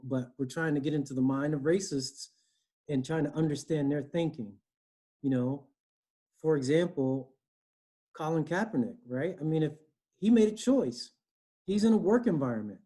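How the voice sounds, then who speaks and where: This guest, an HR director in his forties, talks from a room in his home during a conversational video-call interview, his speech earnest and peppered with "you know" and "right?". He has an East Coast American accent from Connecticut and a mellow voice on the high side.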